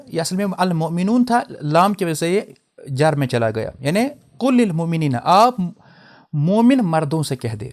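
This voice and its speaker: A young man delivers a religious lecture in a noticeably high voice. He explains each term with care and contrasts how words are pronounced. He slips into English phrases as he teaches. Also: darkish tone. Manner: explanatory, switches into English mid-sentence; spells out and contrasts word pronunciations. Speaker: Islamic teacher.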